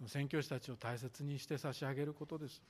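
A man preaching a sermon as pastor, measured and formal, drawing out the ends of his sentences. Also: mid-range voice, fairly even intonation, darkish tone. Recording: echoey hall reverb.

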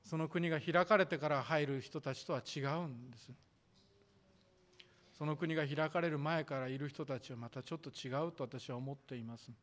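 A man preaching a sermon as pastor, measured and formal, drawing out the ends of his sentences. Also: on the high side, fairly bright tone. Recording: echoey hall reverb.

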